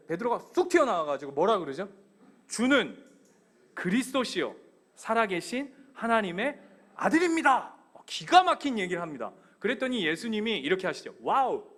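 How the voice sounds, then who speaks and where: Male pastor, sermon, high voice, lively swings in pitch, acts out voices, jokes with the congregation. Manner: animated, acts out voices of Bible figures and his kids, jokes with the congregation.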